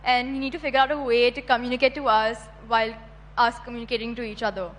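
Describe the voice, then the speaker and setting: A young woman speaking quickly and casually on a panel, with lots of filler words. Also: on the high side, level tone. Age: teens or young adult. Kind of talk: panel discussion. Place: conference hall. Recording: reverberant conference hall.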